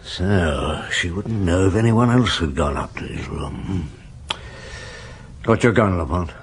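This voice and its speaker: A man's voice: sits low, animated, measured pace, slight background noise. An actor playing a seasoned, fatherly chief inspector in a radio drama, terse, dry and authoritative. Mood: brisk, probing. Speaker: lead detective in a radio drama. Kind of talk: naturalistic radio drama acting.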